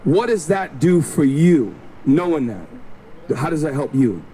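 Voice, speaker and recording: A man preaches outdoors on a city street, his voice fairly high with big pitch swings and a measured pace. He insistently explains scripture and tells a companion to read. The audio is poor, with loud street traffic and passing vehicles behind him.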